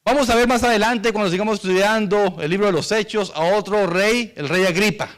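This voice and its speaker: A man's voice: high voice, fairly quick, fairly bright tone. A man preaching a sermon, reading Bible verses aloud and explaining them to the congregation, whom he calls church. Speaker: pastor.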